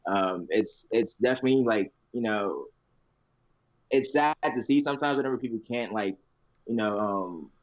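Low-pitched young frat-bro guy, dull recording. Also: lively intonation, normal speed, no echo. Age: young adult. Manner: frat-bro slangy talk full of "like", "bro", "dude", "man". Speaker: guest, competitive college lifter. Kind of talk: casual podcast chat. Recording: dull, lo-fi sound.

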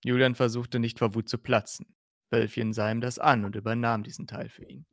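A man's voice: medium pitch, fairly quick, gravelly, dry recording, clean studio sound. Man reading a novel aloud. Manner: plain, steady reading with slips. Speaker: podcast host.

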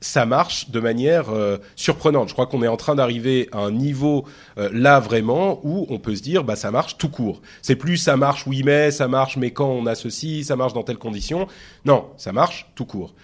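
A man's voice: mid-range voice, normal speed. Hesitant French man in casual tech chat. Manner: hesitant, many fillers and restarts. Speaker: podcast host.

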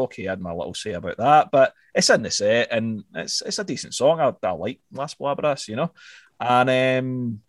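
A chatty Scottish man hosts a relaxed talk show, his pitch swinging up and down as he goes. The sound is dry and close. He fills gaps with ums and restarts. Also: no room sound. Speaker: podcast host. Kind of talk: casual chat.

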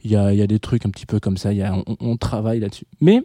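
Guy hosting late night radio, mellow low-ish voice, lots of euh and restarts, dry close mic. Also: fairly even intonation, very fast, no echo. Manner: rambling, many fillers and restarts. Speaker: radio host.

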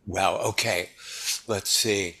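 A middle-aged American man is a podcast guest in a casual interview, chatting in an easygoing, relaxed way. His voice is lowish and he speaks slowly, with crowd noise audible behind him.

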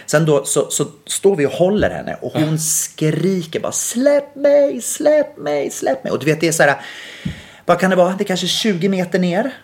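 Animated man telling a podcast story. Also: fairly high pitch. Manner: animated retelling with quoted dialogue and many restarts. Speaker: podcast host.

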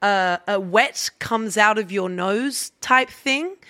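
A woman with a bright, forceful voice chats on a podcast, telling a story in an animated, rambling way and full of ums and restarts. She is recorded on a close, dry mic with no room sound. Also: medium pitch, takes it slowly, no room sound. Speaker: podcast guest. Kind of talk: casual chat.

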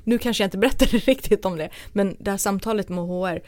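A woman's voice: mid-range voice, darkish tone, no echo. A woman from Sweden, a guest in her thirties, telling anecdotes in a casual interview and acting out the dialogue.

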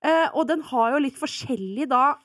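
This is a young woman co-hosting a podcast with a fairly high voice. She talks in a chatty, frank, self-mocking way. Her voice sounds close and dry. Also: animated, fairly bright tone, dry recording. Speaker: podcast co-host. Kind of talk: casual podcast chat.

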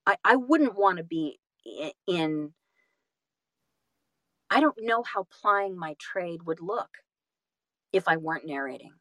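This guest is an audiobook narrator and actor giving a casual interview in a lowish voice, talking slowly with frequent pauses and no audible room sound. Earnest and gushing, she expressively performs little quotes and asides as she goes.

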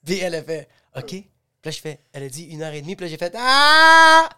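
A man with a Québécois accent chatting casually on a podcast, telling lively stories and acting out other people's voices. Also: fairly high pitch, racing. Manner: animated storyteller, acts out voices, slangy. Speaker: podcast host. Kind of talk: casual chat.

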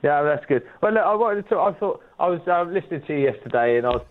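A man phones in to a radio show from a large farmhouse, and his voice carries a hollow room echo. The line is thin and phone-like. He speaks fast and rambles, with many broken starts. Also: a little high, animated. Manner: halting, rambling, full of restarts. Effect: echoey sound from a big room. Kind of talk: phone-in call chat. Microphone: Bluetooth phone.

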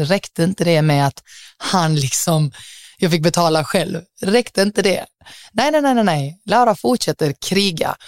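A woman's voice: sits low, darkish tone, no room sound, studio quality. A young woman, hosting a podcast and telling a dating story in a chatty, dramatic way, dropping English phrases into her talk. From southern Sweden. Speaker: podcast host. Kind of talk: casual storytelling.

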